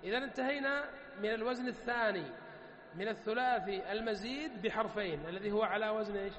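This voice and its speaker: High-voiced man teaching in echoey hall. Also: fairly bright tone, a little hiss or hum. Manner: drills words slowly, asks and answers himself. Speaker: Arabic grammar teacher. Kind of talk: classroom lecture on morphology.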